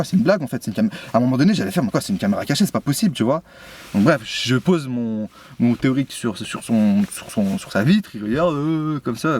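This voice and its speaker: Fast-talking young man telling a story. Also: mid-range voice, a little mellow. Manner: slangy, indignant storytelling with many fillers. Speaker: YouTuber. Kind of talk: casual story time.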